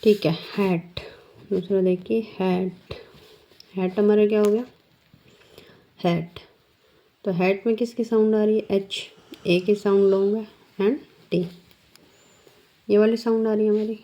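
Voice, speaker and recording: Lady teacher, slow and patient, keeps asking the class questions, gravelly voice. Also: mid-range voice, steady tone, mellow. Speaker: shorthand teacher. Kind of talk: step-by-step lesson. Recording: dull lo-fi sound.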